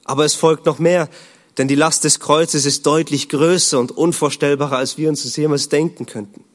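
A man preaching a sermon in an earnest tone, asking rhetorical questions and often dropping to a low, hushed voice. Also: steady tone, normal speed.

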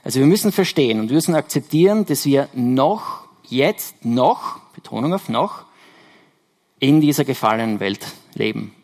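A man's voice: medium pitch, animated, brisk, a little mellow. A man preaching a sermon to his congregation, explaining scripture step by step and correcting himself as he goes. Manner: explanatory, self-correcting, emphatic repetitions.

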